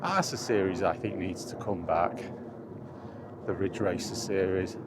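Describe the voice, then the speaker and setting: With a deep voice and a measured pace, a middle-aged man rambles reflectively and casually about video games as a vlogger. Phrases often get repeated for emphasis. Ambient background noise is clear in the recording.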